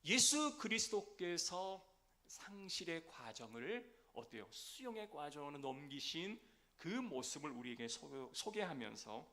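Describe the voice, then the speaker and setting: Animated, bright-voiced pastor preaching. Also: male voice, on the high side, a little slow. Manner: asks the congregation rhetorical questions. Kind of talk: Sunday sermon. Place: church sanctuary.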